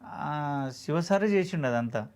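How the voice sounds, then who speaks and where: A man's voice: a little high, lively intonation, unhurried, darkish tone, clear, resonant tone. A man with a Telangana Telugu accent, an actor telling his story in an interview, plain-spoken and heartfelt. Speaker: film actor guest.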